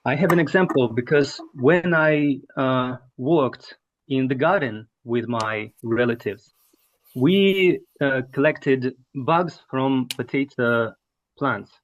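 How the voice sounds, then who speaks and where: A man telling a personal story in an online study group, halting and searching for words. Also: mid-range voice, muffled recording.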